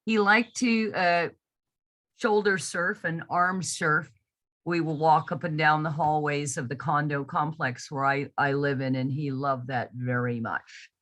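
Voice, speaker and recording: A woman fostering a pet, telling stories about him slowly and fondly over a video call. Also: deep voice, steady tone. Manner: slow, warm, affectionate storytelling. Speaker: foster carer. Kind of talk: casual interview answers.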